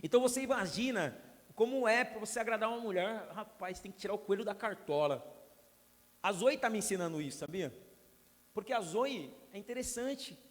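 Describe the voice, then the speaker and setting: A man's voice: high voice, animated, a little fast. A young man, preaching a sermon as a pastor and telling stories with humorous asides to the congregation. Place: church hall. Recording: long hall reverb.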